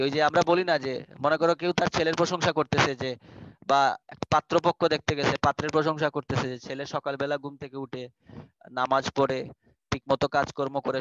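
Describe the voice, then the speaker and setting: Teacher with a Bangladeshi accent on a muffled call. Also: male voice, on the high side, a bit bright, a little hiss or hum. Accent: Bangladeshi Bengali. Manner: chatty, explaining, mixing in English phrases. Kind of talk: online class lecture. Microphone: video call.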